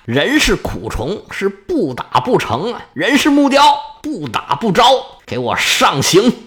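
A man voicing an arrogant ancient king who interrogates a captured assassin in a gruff, blustering way. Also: sits high, wildly swooping pitch, measured pace, fairly bright tone, exaggerated voice. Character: arrogant besieging king, older man, commanding.

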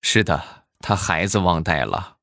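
A man telling jokes in a stand-up style, animated and acting out the people in his stories. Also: sits low, a little slow, gravelly, heavy background noise. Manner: animated, acts out quoted characters in raised voices.

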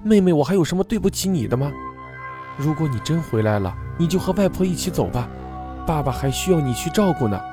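A man's voice: a little high, big pitch swings, fairly quick, music in the background, voice pushed up. A male storyteller voicing a frightened, grieving young village sister who pleads and accuses through tears. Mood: pleading.

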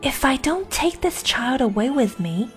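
A woman's voice: high-pitched, big pitch swings, measured pace, soft background music, voice pushed up. A woman voicing an earnest, fretful young girl in a read-aloud story. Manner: eager, fretful.

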